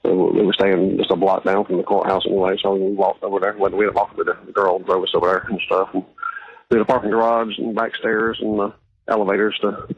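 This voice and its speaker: A man talking over a jail payphone call line, halting and reassuring as he speaks with a jailed relative. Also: deep voice, flat delivery, slightly rough, no echo. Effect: heard over a jail payphone call line. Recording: tinny phone line with faint hiss.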